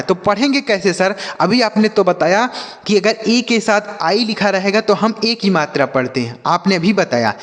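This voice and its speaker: A man's voice: sits high, in a large hall. A man teaching children to read English, spelling each word letter by letter and asking questions that he answers himself. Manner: spells words letter by letter, then repeats them slowly. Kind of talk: spoken lesson for children.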